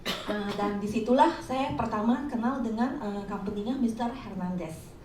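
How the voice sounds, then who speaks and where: A woman's voice: medium pitch, normal speed, darkish tone, a little hiss or hum. A middle-aged woman from Indonesia giving an informal talk at a webinar, explaining in a chatty way with frequent hesitations. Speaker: webinar speaker. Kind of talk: informal presentation. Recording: roomy, distant from the mic.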